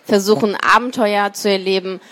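A woman's voice: mid-range voice, steady tone, moderate pace, a bit bright. A woman reading a children's story aloud as storyteller, then commenting with some hesitation. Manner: hesitant with fillers when commenting.

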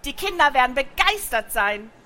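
A woman's voice: high voice, big pitch swings, moderate pace, bright, forceful tone, a little hiss or hum, full character voice. A woman voicing a friendly farm woman greeting visitors in a children's audiobook. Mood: welcoming. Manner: welcoming, surprised. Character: friendly farm woman, warm welcoming adult.

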